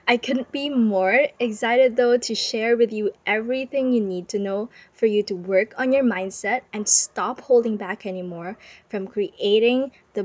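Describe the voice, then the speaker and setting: A woman's voice: medium pitch, a little mellow, no room sound. A young adult woman hosting a casual solo podcast in a bubbly, affectionate, motivational way, recorded under a blanket on her bed. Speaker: podcast host. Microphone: close microphone. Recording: dry, muffled space under a blanket.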